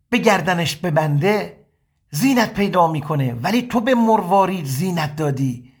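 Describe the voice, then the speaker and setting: A man's voice: high voice, breathy edge. A man preaching a religious lecture, quoting scripture and then explaining it in plain talk. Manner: sermon-like, quoting Arabic passages then explaining them.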